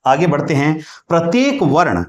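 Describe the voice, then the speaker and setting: A man teaching Hindi grammar in a classroom lecture, explaining deliberately and stretching out sounds as examples. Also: a little high, big pitch swings, lo-fi sound. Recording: echoey room.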